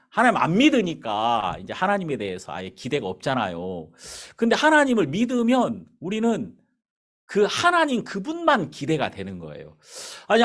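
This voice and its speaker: A male pastor preaching in a church, telling a story with acted-out dialogue. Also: fairly high pitch. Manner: animated storyteller acting out dialogue. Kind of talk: sermon with storytelling. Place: church sanctuary.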